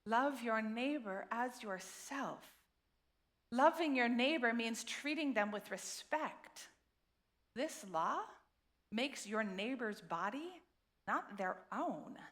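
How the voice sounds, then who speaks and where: A woman rabbi preaching a sermon into a pulpit microphone in a synagogue, with an earnest, measured delivery and deliberate repetition. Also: fairly high pitch, lively intonation, a bit bright. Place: synagogue sanctuary.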